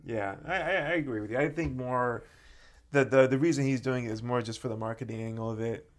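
A man with a mid-range voice chats casually about martial arts. He hedges often and reaches for words as he thinks aloud. His tone stays relaxed and conversational. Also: medium pitch, fairly quick. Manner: thoughtful, hedging, lots of fillers.

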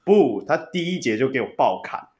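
Male podcast host, Taiwanese Mandarin accent, animated and quick to laugh, average pitch. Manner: laughs often, animated storyteller. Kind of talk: casual sports podcast chat.

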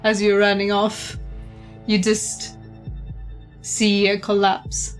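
A woman's voice: mid-range voice, monotone, slow, faint music behind. A woman narrating as game master in a tabletop game, often laughing between lines.

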